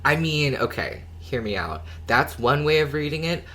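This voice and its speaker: Chatting casually about an audio drama, this podcast co-host speaks at normal speed in a sing-song, medium-pitched voice that sounds pushed and bright. The talk rambles informally, with an occasional curse thrown in.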